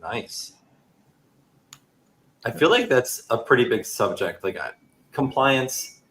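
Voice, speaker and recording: A man's voice: medium pitch, sing-song, slow, a bit bright, low-quality recording. A man co-hosting a casual livestream, asking questions in a loose, musing way full of likes. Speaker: co-host.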